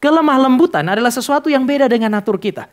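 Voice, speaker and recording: A man's voice: very high-pitched, very fast. A man preaching a sermon as pastor of a church, speaking directly to the congregation and telling stories with acted-out dialogue.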